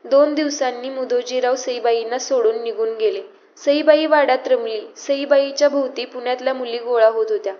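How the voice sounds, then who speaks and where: High-voiced woman reading an audiobook. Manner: steady, measured storytelling. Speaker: audiobook narrator. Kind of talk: scripted narration. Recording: slightly muffled lo-fi audiobook audio.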